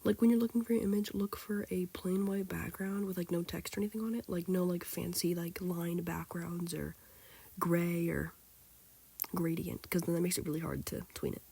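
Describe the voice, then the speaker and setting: Teen girl, sick and hoarse, raspy with some vocal fry; chatty, filler-heavy tutorial read. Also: steady tone, normal speed, warm tone. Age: teens. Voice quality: high, childlike-sounding voice. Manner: rambling, lots of "like" fillers. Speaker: tutorial maker. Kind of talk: casual screen-recorded tutorial.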